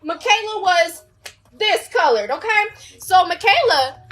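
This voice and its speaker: A young woman tells a storytime vlog in an animated, slangy way, swearing and addressing her viewers directly. Her voice is very high and bright. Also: measured pace, poor audio. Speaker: vlogger.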